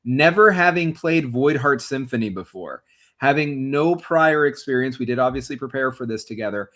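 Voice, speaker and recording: A man hosting a livestreamed tabletop game as game master, upbeat and explanatory, addressing the chat directly. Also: a little high. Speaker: game master and stream host.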